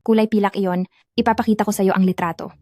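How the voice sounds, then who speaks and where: A woman's voice: mid-range voice, fairly even intonation, fast, dark tone, lightly acted. A woman dubbing a sweet young newlywed wife who talks affectionately and teasingly to her husband. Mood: worried. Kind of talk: Tagalog drama dub.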